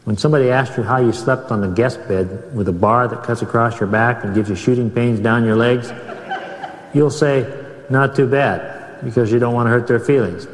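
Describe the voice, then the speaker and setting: Man, deadpan narrator, dry understated delivery, played through speakers, echoey hall. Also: mid-range voice, a little fast. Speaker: narrator of humorous audio recording. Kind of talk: deadpan comic instruction.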